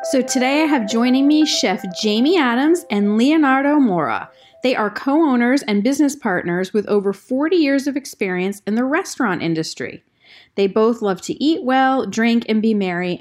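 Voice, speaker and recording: A woman hosting a podcast, upbeat and enthusiastic as she introduces guests and topics. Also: on the high side. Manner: upbeat, enthusiastic promotional delivery. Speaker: podcast host, interior designer.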